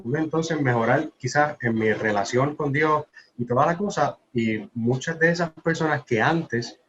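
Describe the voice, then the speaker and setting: A man, earnestly sharing a personal testimony as a podcast co-host, his voice often trailing off softly. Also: mid-range voice, unhurried. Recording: slightly muffled with faint background noise.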